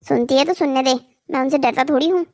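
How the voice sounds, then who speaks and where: A voice actor playing an indignant, argumentative young man in a cartoon story, protective of his sister and quick to anger. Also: extremely high pitch. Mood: defiant. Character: hot-headed protective young brother.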